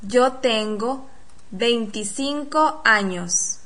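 A woman leads a pronunciation drill, speaking model sentences with deliberate care. Her pace is very slow, her voice bright and a little high, leaving plenty of room for the listener to repeat after her. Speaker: language teacher.

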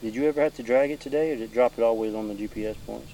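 A man's voice: medium pitch, rapid-fire, gravelly, dark tone, poor audio. Folksy man chatting outdoors, faint noise. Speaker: hunting show host and father. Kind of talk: casual outdoor chat with his child. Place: outdoors in rural land.

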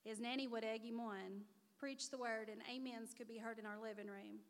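A woman's voice: fairly high pitch, fairly even intonation, fairly quick. A woman gives an earnest, heartfelt tribute speech as the mother of the honoree, reading from notes at a church gathering. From Missouri. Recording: reverberant hall.

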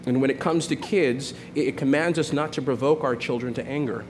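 A man's voice: medium pitch, brisk, a little hiss or hum. A man in his forties preaching a sermon in a conversational way, often checking in with "right?" and restarting his phrases. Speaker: pastor.

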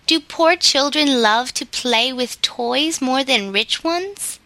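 A woman's voice: high-pitched, takes it slowly, bright, forceful tone, no room sound, full character voice. A woman voicing a pleading, earnest little girl in a storybook reading.

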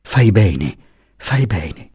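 An emotional young wife, voiced by a male reader who lifts his low voice for her. Her imploring lines come out husky and lively, recorded close and dry. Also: drawn-out words, no echo, heavily acted. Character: young wife, tender and agitated.

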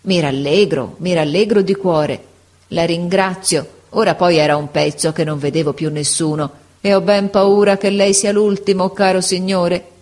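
A woman's voice: fairly low pitch, fairly even intonation, moderate pace, darkish tone, lightly acted. A woman voicing a frail old schoolteacher. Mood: warm, nostalgic. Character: frail old male schoolteacher, gentle, wistful. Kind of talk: audiobook character voice.

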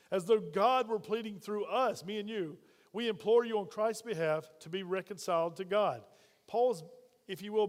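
A man preaches with energy, his voice sitting high for a man. He keeps turning to the congregation with questions as he works through scripture. His words ring out with a long reverb from the church hall around him. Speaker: pastor. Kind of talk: sermon.

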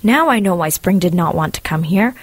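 A woman voicing a big male giant in a storybook, shouting harshly at first and later sorry. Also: on the low side, lively intonation, a little fast, slightly rough, dry recording. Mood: remorseful. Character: big grumpy male giant softening to sorrow.

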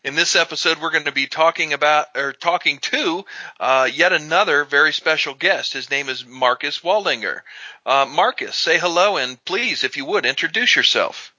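A man's voice: fairly high pitch, normal speed, sharp tone, no echo, dull audio. A man hosting a podcast interview in a jovial, self-deprecating way. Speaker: podcast host.

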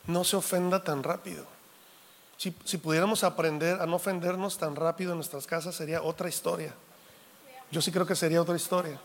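A man, preaching a sermon as pastor in a jokey, animated way, acting out little quotes. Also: on the high side, fairly quick, gravelly. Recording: reverberant hall.

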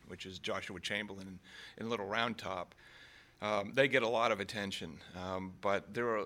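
A man from Maine, an author being interviewed, talking in a relaxed and hesitant way with many fillers and restarts. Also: lowish voice. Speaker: author, guest. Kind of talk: conversational interview.

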